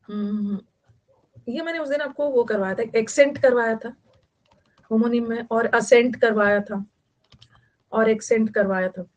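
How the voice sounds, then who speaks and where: Woman, vocabulary teacher, online class lecture, chatty, repetitive, slightly high pitch. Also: moderate pace, pauses often, darkish tone. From Bihar, India. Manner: chatty, repeats key words for note-taking.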